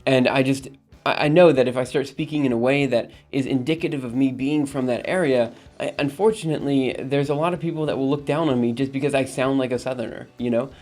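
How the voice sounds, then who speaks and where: A medium-pitched, slightly mellow man talks fairly quickly while soft music plays. Hosting a live stream from Alabama, he chats casually and rambles, reading viewer messages aloud, answering them, and frequently laughing or pausing with um.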